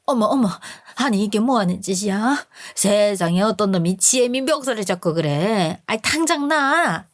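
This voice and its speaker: A woman's voice: medium pitch, animated, moderate pace, no room sound, clean studio sound, close to an everyday voice. A woman voicing a domineering, snobbish older mother-in-law who scolds and sneers at her daughter-in-law in a radio story drama. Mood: shrieking. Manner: scolding, contemptuous.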